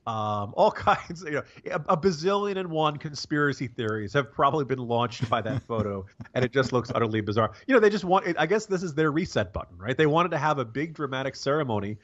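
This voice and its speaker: An American man giving casual, wry political commentary as a podcast co-host, halting and rambling with a sarcastic bent. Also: mid-range voice, very animated, fairly bright tone, highs cut off.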